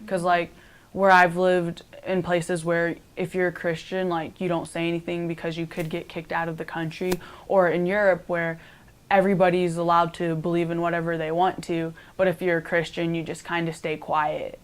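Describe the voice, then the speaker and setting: A woman's voice: lowish voice, flat delivery, normal speed, clear, resonant tone. A young woman from Cambodia, now a college student, giving casual interview answers with lots of "like" and "um". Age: young adult. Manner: chatty, many "like" and "um" fillers.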